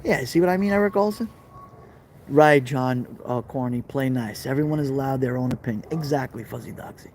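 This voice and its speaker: A bit of hiss or hum sits under this brisk, mid-range, darkish male voice. He's a middle-aged man from Brooklyn, New York, with the matching accent, casually hosting a live stream where he reads comments, talks straight to viewers and often repeats himself.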